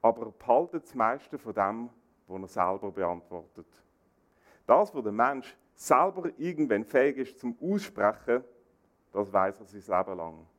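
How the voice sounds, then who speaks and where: A man preaching a sermon, animated, acting out quoted dialogue. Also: a little slow. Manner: animated, acts out quoted dialogue with rising pitch.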